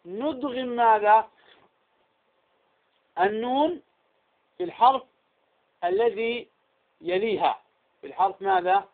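Male recitation teacher with a high voice, drilling students with his own questions and answers, over a thin phone-like line. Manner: keeps asking quiz questions and answering them himself. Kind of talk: tajweed lesson.

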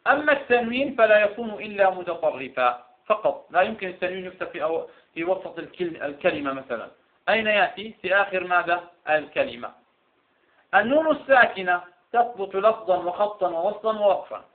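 A man teaching Quran recitation rules, who keeps asking questions and answering them himself. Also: high-pitched. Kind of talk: classroom lesson. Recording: tinny phone-like sound.

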